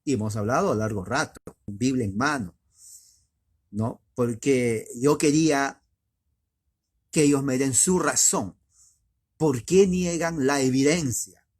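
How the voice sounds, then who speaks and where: Male preacher, husky and a bit breathy, talks it through like a chat, then punches key lines with rhetorical questions. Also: unhurried, pauses often. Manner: emphatic, rhetorical questions, sharp swings of pitch and loudness. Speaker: preacher teaching doctrine. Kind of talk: conversational sermon.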